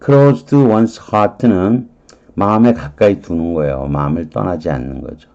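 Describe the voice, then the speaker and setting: Guy teaching english vocab real slow, dull lo-fi lecture audio. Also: low-pitched, a little mellow. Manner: slow, deliberate, reads English words aloud then glosses them. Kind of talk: online lecture explaining vocabulary and grammar.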